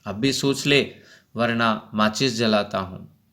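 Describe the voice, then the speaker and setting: A man playing a cruel villain who mocks and shouts threats, his voice pushed up louder and higher than his usual low tone. He speaks slowly, like a schoolbook play being read aloud. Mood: taunting. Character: cruel mocking male villain landlord.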